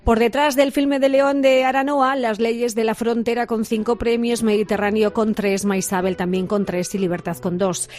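A woman hosting a weekend radio show, lively with small hesitations. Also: on the high side, normal speed, few pauses. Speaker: radio host.

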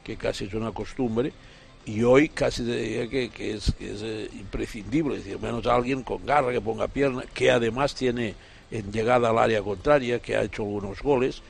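A man's voice: mid-range voice, moderate pace, vocal fry. A man giving football commentary on a radio sports show, emphatic and repeating himself as he starts. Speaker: football pundit.

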